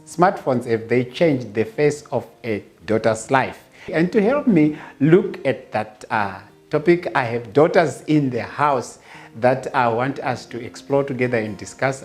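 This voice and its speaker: A man hosts a panel discussion as a pastor. He talks very slowly and deliberately, pausing often on "uh". Faint music sits under his voice. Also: medium pitch. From Zimbabwe. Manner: slow, measured, with frequent "uh" pauses. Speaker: pastor hosting a parenting show.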